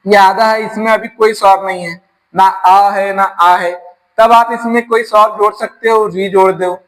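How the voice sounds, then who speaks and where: A man's voice: high voice, steady tone, normal speed, fairly bright tone, rough recording. A man from teaching an exam-prep grammar lesson, explaining step by step and asking his class rhetorical questions.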